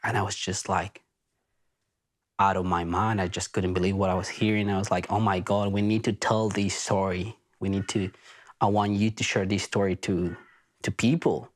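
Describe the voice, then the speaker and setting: A man's voice: low voice, flat delivery, normal speed. A man from Argentina with an Argentine accent, hosting a podcast and telling his story in an earnest, reflective way. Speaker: podcast host. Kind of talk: casual spoken introduction.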